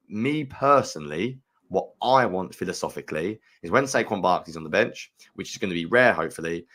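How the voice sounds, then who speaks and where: Low-pitched with a fairly bright tone, a UK podcast co-host weighs in on sports with blunt opinions. He reasons out loud as he goes, leaning on filler words.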